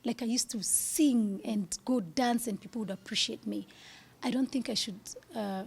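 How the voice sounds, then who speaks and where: A woman's voice: fairly high pitch, normal speed, darkish tone, a little hiss or hum. A woman in her thirties, speaking candidly as an interview guest, earnest and at times dropping to a whisper.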